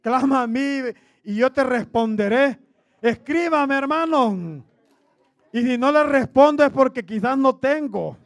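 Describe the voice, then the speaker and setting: Male preacher with a big, booming voice that sits very high, with some grit in it. Keeps calling the congregation "brother" in every line. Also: expressive, a little slow, creaky. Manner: says "hermano" after nearly every phrase; loud, booming voice. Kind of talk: sermon.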